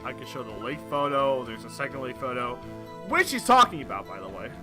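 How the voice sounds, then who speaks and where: A man's voice: medium pitch, sing-song, a little fast, loud music behind the voice. A man giving casual, crude, joking commentary while playing a game. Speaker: gameplay commentator. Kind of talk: casual let's-play commentary.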